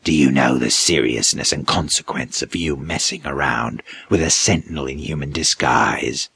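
A man doing a slow, menacing low monster. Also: creaky, fairly bright tone, husky, heavily acted. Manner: slow, low, threatening growl. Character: towering male monster, menacing interrogator.

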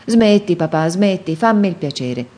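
Brief: lively young man, earnest and teasing, low and warm as read by a woman narrator for a storybook. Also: moderate pace, lightly acted. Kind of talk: audiobook character reading.

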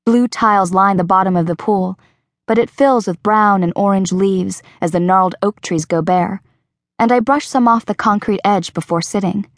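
A woman reading an audiobook in first person, with even, measured storytelling. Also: mid-range voice, no room sound, studio quality. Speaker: audiobook narrator. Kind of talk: first-person scripted narration.

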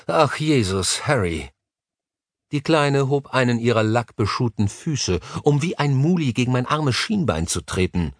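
A man narrating an audiobook, reading a fantasy story and its author's foreword in a measured, even way. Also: medium pitch, no echo, studio quality. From Germany.

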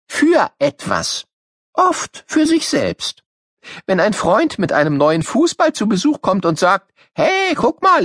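A man's voice: high voice, fairly bright tone, no room sound, clean studio sound, voice pushed down, exaggerated voice. A man voicing a cheeky know-it-all boy who explains things to children in a storybook audiobook, in a playful, teasing way.

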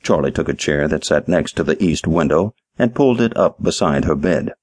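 A man narrating a short story in an audiobook, reading in a measured storytelling manner. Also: extremely low pitch, lively intonation, a little mellow, dry recording, clean studio sound. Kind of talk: scripted narration.

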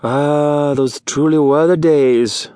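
A man's voice: a little high, steady tone, slow pace, warm tone, no echo, clean studio sound, pitched above the performer's own voice. A man voicing a tentacled alien creature that speaks in a haughty, superior way.

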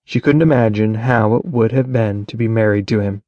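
A man's voice: fairly low pitch, moderate pace, no room sound, muffled recording. Male audiobook narrator, dry sound. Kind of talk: scripted narration.

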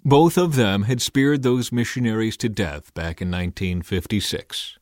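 Earnest low-voiced man narrating a memoir. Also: darkish tone, dry recording, studio quality. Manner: measured, earnest storytelling. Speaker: audiobook narrator. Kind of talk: first-person memoir narration.

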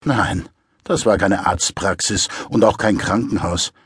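A man narrating a crime novel audiobook in the first person, with measured, dryly wry storytelling. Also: low-pitched, slightly rough, dry recording, clean studio sound.

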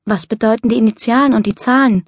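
Woman voicing a gentle teenage boy, self-assured, reassuring, slightly husky, dry audiobook sound. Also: fairly high pitch, fairly even intonation, fast, no echo. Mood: calm.

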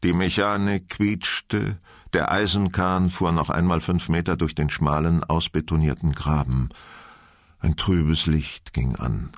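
A man narrating an audiobook in a measured, suspenseful way, recorded close in a studio. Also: sits low, fairly even intonation, no room sound. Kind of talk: scripted narration.

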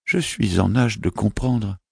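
A worried little boy prince, as a male audiobook narrator puts him on, asking soft, pleading questions. His voice is lifted well above the narrator's own low register. The room around him is dry and close. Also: a little slow, gravelly, breathy edge, no echo, heavily acted. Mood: plaintive. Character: young boy prince, anxious and earnest.

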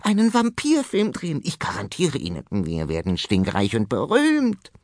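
A man voicing a brash, boastful male tomcat who talks fast and pushy in a storybook. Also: medium pitch, wildly swooping pitch, darkish tone, dry recording, voice pushed up. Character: brash male tomcat film director, cocky hustler. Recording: dry studio audiobook.

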